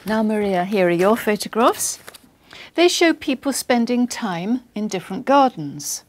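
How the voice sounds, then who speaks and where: A woman acting as examiner, reading scripted test instructions in a formal, measured, polite way. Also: mid-range voice, very animated.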